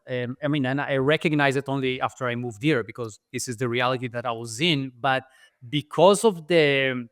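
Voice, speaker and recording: Clear and resonant at a medium pitch, this man's voice comes through in clean studio sound without any room sound. A middle-aged Israeli-accented franchise founder, he guests on a podcast interview, recounting his story thoughtfully with many fillers and restarts.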